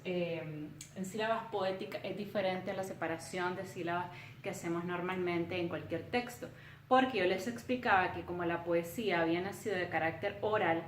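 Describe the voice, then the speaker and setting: A woman teacher giving a recorded tutorial lesson, explaining carefully and counting out syllables slowly. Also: mid-range voice, slight background noise. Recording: roomy, distant from the mic.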